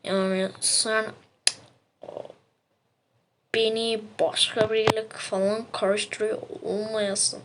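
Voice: mid-range voice, level tone, slow, background noise, lightly acted. A young man voicing a boastful, tough male game brawler who keeps demanding who you take him for.

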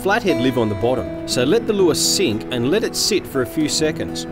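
An Australian man narrates a fishing show in scripted voice-over. His delivery is lively and swings up and down in pitch. Loud plucked guitar music plays under him. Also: moderate pace.

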